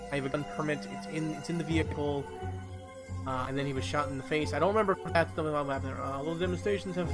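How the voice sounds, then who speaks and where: A man's voice: on the high side, low-quality recording. A man live streaming, reading a news article aloud and breaking off with blunt, profane commentary, often stumbling over words.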